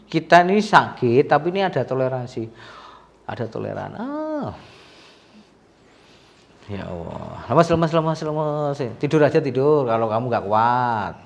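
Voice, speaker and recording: Man, massage therapist; mid-pitched, chatty explainer with sympathetic exclamations. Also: sing-song, normal speed, gravelly, pauses often. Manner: chatty, alternates coaxing the patient and addressing viewers. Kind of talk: explaining to viewers while treating a patient.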